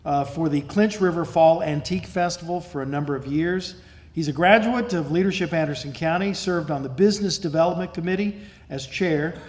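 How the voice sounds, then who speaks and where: A man presenting at an awards lunch reads each citation in a measured, formal way, with his voice sitting a touch high. Now and then he pauses to find his words. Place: event hall at a lunch.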